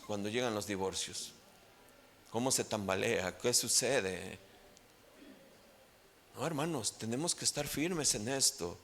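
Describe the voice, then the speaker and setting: A Mexican pastor with a Mexican Spanish accent, preaching a sermon emphatically and rising in pitch on key points. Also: male voice, fairly bright tone.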